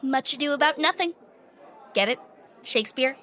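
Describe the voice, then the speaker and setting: Molly, a high, know-it-all schoolgirl. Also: pushed and bright, some chatter behind. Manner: quick, know-it-all explaining. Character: bright, eager teenage schoolgirl.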